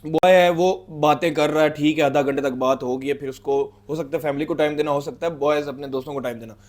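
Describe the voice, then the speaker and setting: A man's voice: on the high side, steady tone, fast talker, darkish tone. A man co-hosting a reaction video, chatting casually and arguing his side in an easygoing way. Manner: easygoing, argues his side with lots of agreeing fillers. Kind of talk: casual chat.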